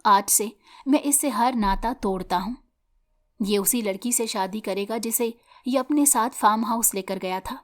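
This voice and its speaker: A woman's voice: a little high, natural voice. A woman voicing an angry, unforgiving middle-aged uncle in a story reading. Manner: harsh and blunt.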